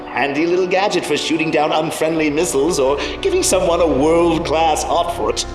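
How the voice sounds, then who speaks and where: An actor playing a gleeful clown supervillain in an audio drama, mocking and theatrical with a sing-song delivery. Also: male voice, on the high side, normal speed, close to an everyday voice. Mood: smug taunting. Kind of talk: audio drama villain acting. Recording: echoey reverberant sound under loud music.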